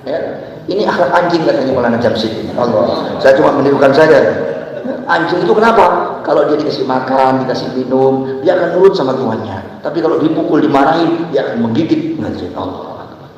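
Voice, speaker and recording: Lively man preaching, shouts then drops soft, lots of booming reverb, sounds far from the mic. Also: brisk, lo-fi sound. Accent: Indonesian. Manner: swings from shouted emphasis to soft asides, rhetorical questions. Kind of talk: dawn sermon to a gathering. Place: large hall with long reverb. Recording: echoey hall, voice from far off.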